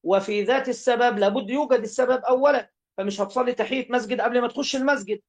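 High-voiced Egyptian religious teacher. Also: male voice, quick pace. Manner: reads a line aloud, then repeats and explains it, demonstrating pronunciations. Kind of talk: explaining a classical text line by line.

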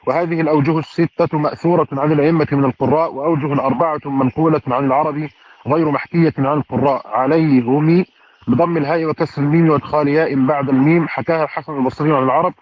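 A man reads a classical commentary aloud to his teacher at a quick clip. His fluent, formal reading gives careful vowel endings, and his voice sits a little high. The recording is dull and lo-fi. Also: steady tone.

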